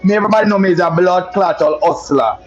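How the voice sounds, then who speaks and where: Over a loud crowd and dull audio, a high-voiced Jamaican man talks quickly. He's a social media personality telling a story in easygoing patois, showy and boastful, calling everyone "my love."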